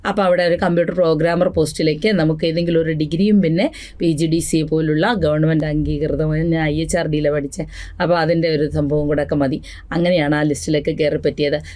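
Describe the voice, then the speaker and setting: Young female exam tutor, lower voice, slow word drills and quick asides. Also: steady tone, mellow. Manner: drills word lists slowly, then chats quickly with asides; addresses students fondly as children. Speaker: exam coaching teacher. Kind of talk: exam revision lesson.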